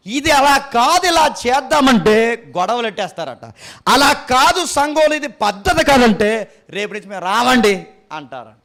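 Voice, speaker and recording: Male preacher, very high voice, sermon, scolding tone, mocking rhetorical questions. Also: fairly bright tone.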